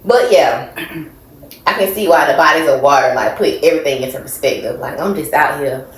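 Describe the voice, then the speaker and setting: A woman co-hosting a casual podcast chat, telling stories with lively acted-out voices. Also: sits low, normal speed. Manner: animated storyteller, acts out voices. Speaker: podcast co-host. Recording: echoey room, faint ambience.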